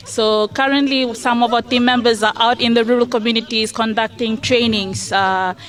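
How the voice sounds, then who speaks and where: Even-toned Fijian woman introducing her organization. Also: fairly high pitch, normal speed. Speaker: representative of a rural development organization. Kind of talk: live introduction to a group.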